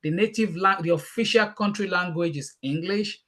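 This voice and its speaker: On a panel, a guest speaker with a Nigerian accent, Yoruba being his first language, responds to questions. Emphatic and fast, he has a voice that sits a little high and repeats words when he gets worked up.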